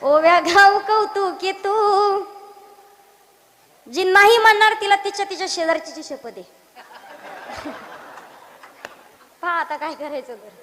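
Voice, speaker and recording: A woman's voice: very high-pitched, lively intonation, moderate pace, pauses often, fairly bright tone, a little hiss or hum. A woman preacher giving a devotional kirtan sermon, teasing and quizzing her audience and breaking into song. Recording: long hall reverb.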